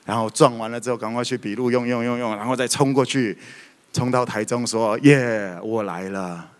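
A man preaching a sermon, telling stories in a lively way with sudden loud outbursts. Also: medium pitch, fairly quick. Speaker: pastor. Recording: reverberant hall.

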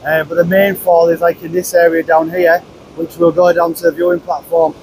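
A chatty man talks into a handheld camera outdoors, his voice sitting a touch high for a man. He rambles and restarts as he narrates a casual travel vlog. A faint hum of the open air runs under his words. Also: level tone, fairly quick. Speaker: travel vlogger. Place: outdoors at a car park and riverside path.

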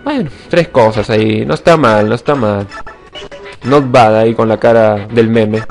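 Young dude playing a game, swears a lot, yells when stuff goes wrong. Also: male voice, fairly low pitch, normal speed, vocal fry, faint music behind. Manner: excitable, swears a lot, sudden shouts at misses. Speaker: gaming channel host. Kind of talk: casual let's play commentary.

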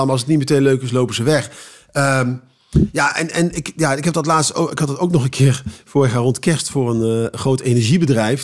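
A man who performs cabaret, telling rambling, animated anecdotes with many restarts in a casual podcast interview. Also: on the high side.

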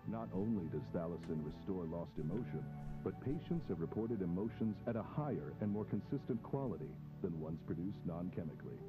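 A man with a low, animated voice speaks briskly, playing a formal, clinical announcer narrating an eerie drug infomercial. The recording sounds like dull lo-fi tape, with music in the background.

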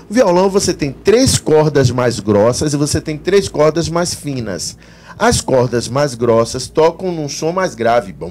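Brazilian male teacher, lively pitch, explains physics to a broadcast class. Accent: Brazilian Portuguese. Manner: animated explanations, voices students' questions. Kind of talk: live exam-prep class broadcast.

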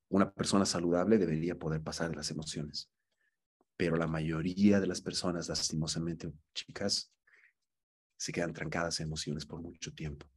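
A man leads an acting class with a low, husky voice. He gives his students earnest feedback and often stumbles into repeated words while finding his point. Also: darkish tone. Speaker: acting teacher.

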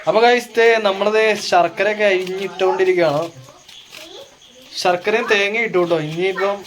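A woman's voice: mid-range voice, fairly even intonation, fairly quick, background noise. Chatty woman vlogger talking to viewers. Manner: chatty, addresses viewers directly, many fillers. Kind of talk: casual family vlog. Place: outdoors near a temple and jackfruit tree, later a home kitchen.

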